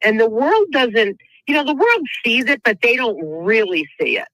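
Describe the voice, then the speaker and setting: A woman with a Boston accent phones into a casual show. Her voice is bright and forward, recorded dry and close. She talks effusively, leaning on repeated phrases to make her point. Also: a little high, very animated, moderate pace, no echo, poor audio. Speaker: caller to the show. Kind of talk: casual chat.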